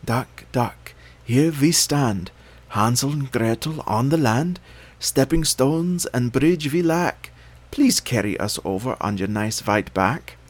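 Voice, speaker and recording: A man's voice: mid-range voice, normal speed, natural voice. A man voicing a clever, brave young girl in a fairy tale reading. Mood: earnest.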